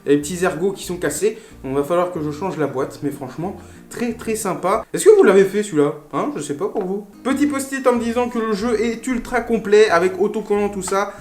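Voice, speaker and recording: Guy chatting through a game unboxing, loose and jokey, lots of ums, high-ish voice, roomy sound w/ quiet music behind. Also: fairly quick. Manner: chatty and playful, full of fillers and asides. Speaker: retro game collector and video host. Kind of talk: casual unboxing chat. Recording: roomy echo with faint music.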